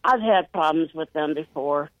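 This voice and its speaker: Caller heard over the phone, halting speech, restarts words, tinny narrow line, dry sound. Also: medium pitch, fairly bright tone, no room sound. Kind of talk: call-in radio chat.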